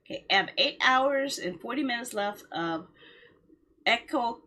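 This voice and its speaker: A woman with a higher-pitched, slightly slow voice chats casually with viewers on her game livestream. She rambles, mildly complaining and justifying herself, over steady background noise.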